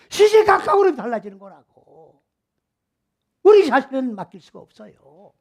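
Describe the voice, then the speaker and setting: A middle-aged man from South Korea preaching an expository sermon, emphatic and full of rhetorical questions to his congregation. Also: very high voice. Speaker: pastor.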